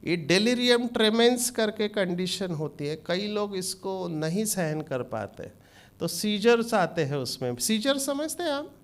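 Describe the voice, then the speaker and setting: A man's voice: high voice, expressive, a little slow. A man who is a doctor giving an informal training lecture, often quizzing his audience with questions.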